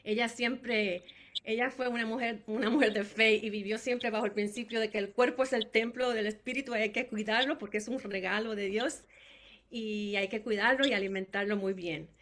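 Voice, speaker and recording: A woman's voice: fairly high pitch, fairly even intonation, normal speed, a bit bright. Hesitant Puerto Rican woman giving testimony. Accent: Puerto Rican Spanish. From Puerto Rico. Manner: hesitant, many fillers and restarts. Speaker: family caregiver speaker. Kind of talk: personal testimony talk.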